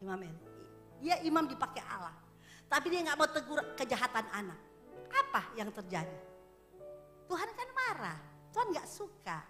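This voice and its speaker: A woman pastor giving a sermon in church, chatty and joking at first, then growing loud and emphatic as she exhorts the congregation. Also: a little high, sing-song, brisk, faint music behind. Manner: conversational preaching, rising to emphatic exhortation, laughs with congregation.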